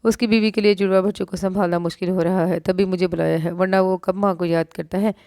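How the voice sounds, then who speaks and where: Low-voiced woman narrating a romance novel. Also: fairly even intonation, fast talker, a little mellow, dry recording, clean studio sound. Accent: Pakistani Urdu. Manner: reads all characters in her own voice, lifting pitch for dialogue.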